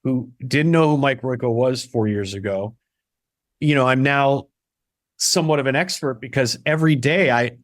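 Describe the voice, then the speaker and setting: A man from the Chicago area, a playwright and solo performer, chatting in an interview in a quick, animated way with lots of restarts. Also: mid-range voice, no room sound, studio quality. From Chicago area (Barrington). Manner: animated, quick, many restarts and "you know"s. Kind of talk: casual interview conversation.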